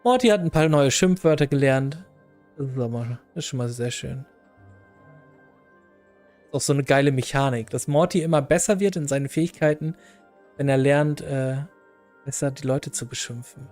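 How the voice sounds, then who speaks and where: A man commenting casually on a game he is playing, chatty and quick in bursts. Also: medium pitch, a little mellow, faint music behind. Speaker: let's player.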